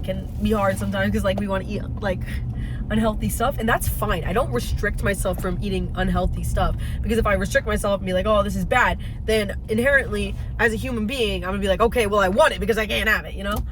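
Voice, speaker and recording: In a low-quality recording with faint car noise behind her, a woman in her twenties chats casually while driving. She's a fitness vlogger with a mid-range, fairly bright voice, speaking emphatically, bluntly, and swearing freely.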